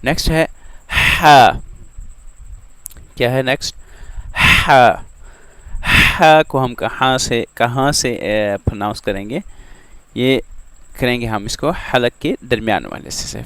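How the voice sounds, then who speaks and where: A man with an Urdu accent teaching Quran pronunciation, drawing out syllables slowly and checking in with "theek hai" between them. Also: mid-range voice, animated, fairly bright tone, no echo. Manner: drawn-out syllable demonstrations, repeats "ठीक है" often. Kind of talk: slow, patient tajweed lesson.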